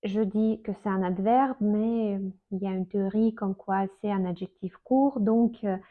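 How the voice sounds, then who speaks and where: A woman explains things in a casual video lesson, slowly and hesitantly, with many fillers and restarts. Her voice is narrow and tinny, as if heard over a phone line. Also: mid-range voice, fairly even intonation. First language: Russian. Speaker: Russian teacher.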